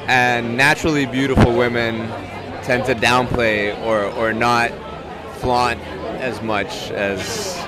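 Male podcast host, halting casual chat, busy market crowd behind him. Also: mid-range voice. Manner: hesitant, restarts often, laughs a lot. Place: outdoor market bar, crowded. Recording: loud crowd noise around. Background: crowd chatter.

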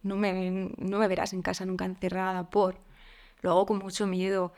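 Woman, thirties, podcast guest, candid, reflective, mid pitch. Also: completely flat delivery, moderate pace. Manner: open and reflective, with frequent fillers and soft laughs. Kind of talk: candid conversational interview.

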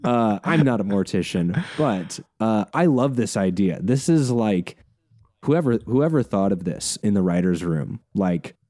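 A man co-hosting a casual podcast, animated and quick to laugh, with many fillers and restarts. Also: lowish voice, dry recording, studio quality. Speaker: podcast co-host.

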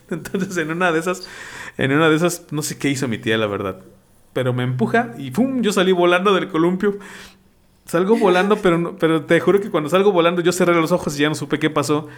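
A man with a Mexican accent, co-hosting a casual podcast and telling childhood stories, laughing often and acting out the voices of people he quotes. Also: on the high side. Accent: Mexican Spanish. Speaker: podcast co-host.

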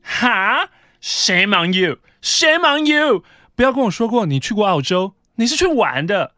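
A man voicing a snobbish coworker who mocks other people's English, with sneering, drawn-out English phrases. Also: high-pitched, very animated, sharp tone, no room sound, studio quality, voice pushed up, heavily acted. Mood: mocking.

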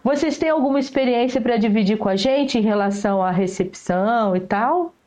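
A woman's voice: on the high side, normal speed, warm tone. A woman hosting an interview, chatting and prompting her guests with questions. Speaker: host.

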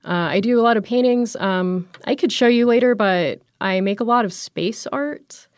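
A woman's voice: a little high, moderate pace, darkish tone, clear, resonant tone, no echo, studio quality. A woman in her thirties from the United States, chatting casually as an interview guest, rambling with many fillers and restarts. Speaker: guest, graphic designer.

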